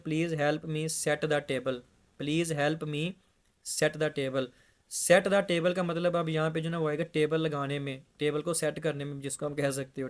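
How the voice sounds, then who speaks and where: A man teaches a spoken English lesson. His voice sits a little high and stays flat and even. He says the example sentences slowly and repeats them. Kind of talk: explanatory language lesson.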